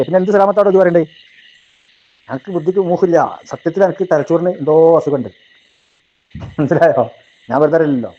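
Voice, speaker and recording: Fast, combative man. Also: high-pitched. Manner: combative, taunting, full of rhetorical questions. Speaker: religious speaker answering a rival. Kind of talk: heated rebuttal talk. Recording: dull lo-fi recording.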